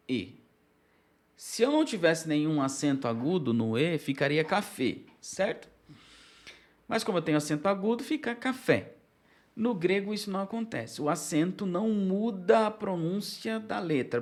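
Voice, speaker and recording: Brazilian male teacher, slightly high-pitched, explains patiently and checks in often. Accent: Brazilian Portuguese. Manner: explanatory, with frequent check-ins and restarts. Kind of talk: recorded lecture on biblical Greek.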